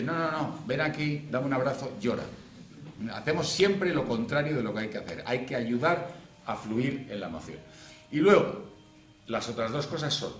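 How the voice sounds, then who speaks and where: A man's voice: mid-range voice, a bit bright. A middle-aged man, a financial coach, giving a chatty conference talk and acting out little quoted dialogues as he goes. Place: conference room. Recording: echoey hall with faint noise.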